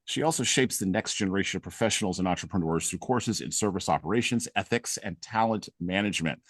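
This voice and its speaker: A man hosts a podcast interview in a very deep voice. He rambles casually, full of ums and restarts. The sound is dry and close. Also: no room sound. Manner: rambling, with many fillers and restarts. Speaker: podcast host.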